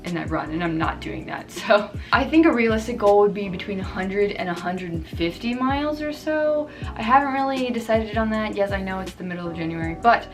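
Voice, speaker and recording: A woman's voice: medium pitch, animated, a little fast, few pauses. A woman in her twenties chatting casually to the camera in a rambling, self-deprecating way. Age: 20s. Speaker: vlogger. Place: apartment in New York. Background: background music.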